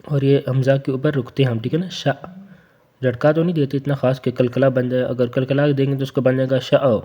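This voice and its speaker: A young man teaching Quran reading, drawing out each spelled syllable slowly, then chatting casually between words. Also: mid-range voice, little pitch movement, mellow, muffled recording.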